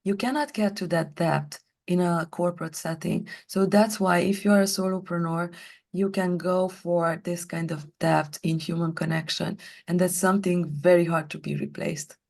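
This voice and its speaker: A woman with a hoarse, worn voice that sits low in her range, speaking as a guest on an interview podcast. She takes her time, placing each phrase slowly and deliberately. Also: steady tone, darkish tone. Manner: deliberate, slow careful delivery. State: hoarse, voice partly lost. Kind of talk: conversational interview.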